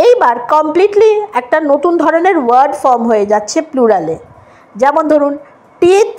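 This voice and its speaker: A woman gives an English vocabulary lesson in a high voice. She spells words out letter by letter and often stops to check that her students follow. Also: very animated, normal speed, a little mellow. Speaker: English teacher. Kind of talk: Bengali-language English lesson.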